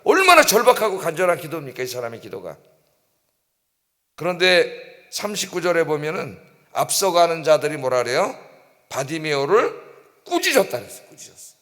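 A man's voice: on the high side, sing-song, a little fast, long pauses, fairly bright tone. A middle-aged male pastor preaching an emphatic dawn-service sermon, often prompting the congregation and crying out quoted pleas. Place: church sanctuary. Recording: long church reverb.

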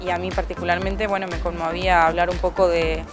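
A woman's voice: lowish voice, little pitch movement, quick pace. Chatty young Argentine woman, music behind. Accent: Argentine Spanish. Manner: chatty, laughs often, hesitant fillers. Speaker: guest actress and playwright. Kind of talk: casual TV interview. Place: outdoors by a plant wall. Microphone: handheld mic.

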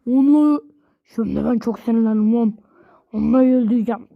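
A woman giving excitable, slangy commentary while playing a video game, talking straight to her viewers. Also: on the high side, normal speed, vocal fry, narrow, tinny audio. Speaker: gameplay video host. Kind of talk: casual gameplay commentary.

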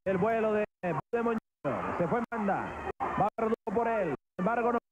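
A man's voice: high voice, lively intonation, fairly quick, a loud crowd. A Mexican man working as a wrestling commentator, calling lucha libre play-by-play in an arena. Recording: muffled old TV audio, loud arena noise.

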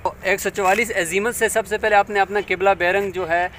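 A man's voice: sits high, fairly even intonation, fairly quick, fairly bright tone, slight background noise. A man teaching a hands-on demonstration, patient and step by step, often asking his listeners to check along.

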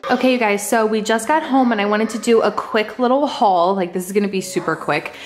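A woman's voice: medium pitch, brisk, over loud music. A young woman in casual vlog chat, upbeat and chatty as she shows things around her house on a handheld camera. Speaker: home vlogger. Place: inside a house.

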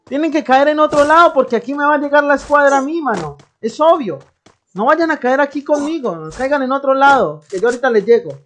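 A woman's voice: high voice, lively intonation, a little fast, slight background noise. A young woman from Colombia, live-streaming a game and hyping up her chat in slangy banter. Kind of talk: live gameplay commentary.

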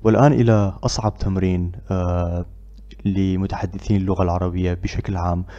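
A man teaching English pronunciation, who repeats drill words loudly and pauses with filler sounds between phrases. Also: sits low, flat delivery, lo-fi sound. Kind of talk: pronunciation lesson.

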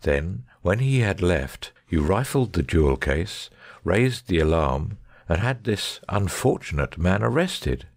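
Man playing Sherlock Holmes, deep, gravelly, commanding sleuth. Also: sing-song, measured pace, no room sound, studio quality, full character voice. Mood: stern, accusing. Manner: precise, formal, interrogating. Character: shrewd, commanding male detective, coolly sardonic. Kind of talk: audiobook dramatic reading.

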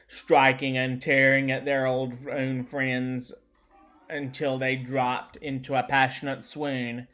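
Slow, halting male audiobook reader. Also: medium pitch. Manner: halting, frequent restarts. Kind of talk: reading a classic novel aloud.

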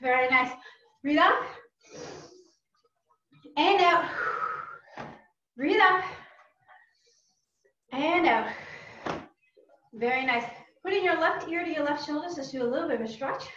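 A woman's voice: sits high, expressive, measured pace, long pauses, bright, forceful tone. A woman karate instructor leading a virtual family workout class from home, calling out upbeat, encouraging cues. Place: home room. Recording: roomy, distant and dull-sounding.

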